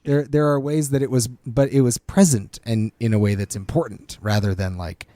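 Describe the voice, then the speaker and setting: A man co-hosting a casual movie podcast, animated and quick to laugh, often trailing off and restarting. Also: medium pitch, dry recording. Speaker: podcast co-host.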